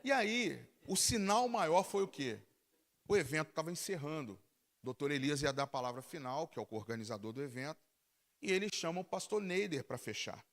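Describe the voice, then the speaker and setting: A male pastor with a Brazilian Portuguese accent, telling a testimony as a story during a church sermon, with animated, halting restarts. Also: a little high. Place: church service.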